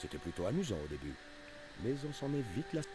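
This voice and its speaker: A deep, weary game innkeeper. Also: male voice, sing-song, quick pace, noisy background. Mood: weary pleading. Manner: formal, courteous, pleading. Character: polite weary male village innkeeper, invisible. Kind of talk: dubbed video game dialogue. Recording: game voice over clear game music.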